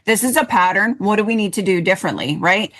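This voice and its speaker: A woman's voice: mid-range voice, fast talker, fairly bright tone. A woman co-hosting a podcast, talking directly and repetitively about coaching clients. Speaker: podcast co-host, health coach. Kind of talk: casual podcast chat.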